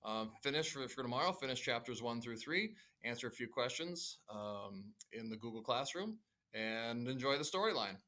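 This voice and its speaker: Bright-voiced casual male teacher. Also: medium pitch, expressive, normal speed. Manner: casual, filler-heavy explaining with many "uh" and "kinda". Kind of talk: recorded lesson for students.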